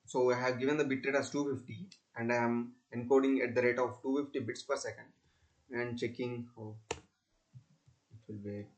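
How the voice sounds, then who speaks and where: A student demonstrates software in a screen-recorded technical tutorial, speaking with a medium pitch and steady tone. He goes through each step haltingly and often repeats himself, in a plain, practical way.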